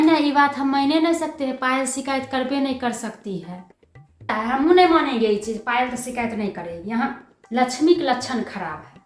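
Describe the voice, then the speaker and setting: A middle-aged woman argues her point insistently in a domestic drama. Her voice sits a little high. The room echoes around her, with faint music underneath. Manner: argumentative, insistent. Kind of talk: family drama dialogue.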